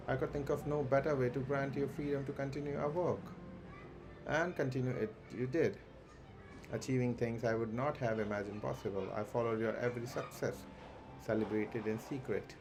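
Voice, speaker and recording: Reading a game's dialogue aloud during a livestream, this mid-range male voice moves haltingly, full of stumbles and self-corrections. The background is clearly noisy.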